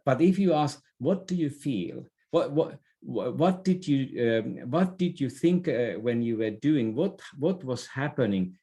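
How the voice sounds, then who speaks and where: In an interview, a male leadership expert lays out his ideas with a slightly low, mellow voice and an expressive delivery. His pace is unhurried and halting, conversational, marked by self-corrections and repeated words.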